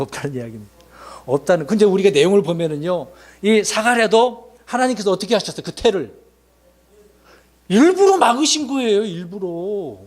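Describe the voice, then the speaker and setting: Lively, higher-voiced man preaching a sermon. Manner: lively preaching with rhetorical questions and acted-out excuses. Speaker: pastor.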